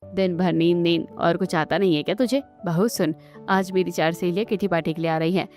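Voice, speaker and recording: A woman's voice: lowish voice, fairly even intonation, fairly quick, darkish tone, faint music behind, pitched below the performer's own voice, close to an everyday voice. A woman voicing a stern, bossy middle-aged mother-in-law in a cartoon story, speaking harshly. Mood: scolding.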